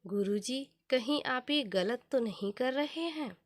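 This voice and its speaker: A woman voicing a respectful, conscientious male disciple in a motivational story, with plain, measured delivery. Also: sits high, animated, no room sound, clean studio sound, pitched above the performer's own voice. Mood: respectful, concerned.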